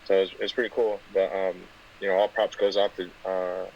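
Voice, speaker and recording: A young man from California, a guest football player, talking softly in a casual interview with lots of fillers. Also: low voice, level tone, a little fast, dull audio, slight background noise. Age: 20s. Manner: soft-spoken, many fillers and restarts.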